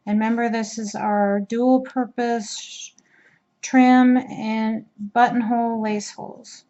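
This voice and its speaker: Woman crochet instructor, unhurried and mellow, working as she talks, muffled home recording. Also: on the high side, level tone. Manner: talks slowly while working, self-deprecating asides. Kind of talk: step-by-step craft tutorial.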